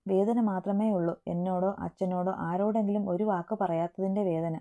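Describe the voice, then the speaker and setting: A woman's voice: medium pitch, fairly even intonation, moderate pace, narrow, tinny audio, natural voice. A woman voicing a hurt but loyal young man who reproaches his friend in an earnest storytelling voice. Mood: gentle.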